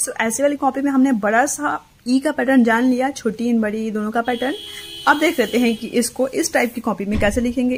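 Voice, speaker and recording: Husky-voiced woman teaching letter writing. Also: a little high, a little mellow. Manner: slow, step-by-step explaining with Hindi-English code-mixing. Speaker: play school teacher. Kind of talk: handwriting lesson for young children.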